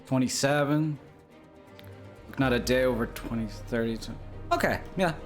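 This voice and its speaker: With soft music in the background, a twenty-something man rambles to his live stream audience at a moderate pace and medium pitch. He cracks self-deprecating jokes and laughs a lot.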